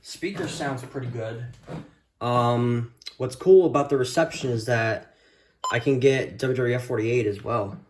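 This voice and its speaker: A weather radio hobbyist shows off a gadget on an unscripted vlog, speaking in a mid-range voice at an unhurried pace. He is casual, hesitant and repetitive, and the recording has an echoey room with background hiss.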